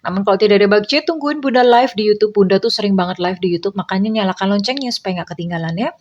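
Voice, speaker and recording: A woman reads tarot cards for her viewers in a soft, reassuring manner, calling them dear and mixing in English phrases. Her voice sits at an ordinary pitch for a woman. The recording sounds a little dull and lo-fi. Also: fast. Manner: gentle, reassuring, calls listeners dear, drops in English phrases. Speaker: tarot reader. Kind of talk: casual tarot reading to viewers.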